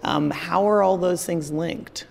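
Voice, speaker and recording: A woman's voice: lowish voice, slow, vocal fry, darkish tone, in a large hall. A woman hosting a podcast interview, chatty and casual, full of you-knows. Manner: chatty, laughs easily, lots of you-knows. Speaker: podcast host.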